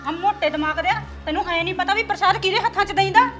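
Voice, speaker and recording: A woman's voice: very high voice, quick pace, fairly bright tone, faint music behind. A woman playing a harsh, scolding mother-in-law in a short film. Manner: scolding, accusing.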